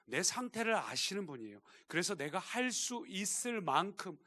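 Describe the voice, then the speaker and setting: A male pastor preaching a sermon, shifting between quiet explanation and emphatic appeals to the congregation. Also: sits high, sing-song, normal speed. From Korea. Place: church sanctuary.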